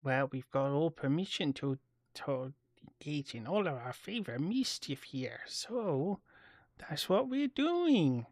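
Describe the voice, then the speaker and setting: A man's voice: on the high side, very animated, measured pace, darkish tone, no room sound, studio quality. A man voicing a small, mocking, mischievous shapeshifting spirit in a tabletop game. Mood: smug, mischievous. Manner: taunting.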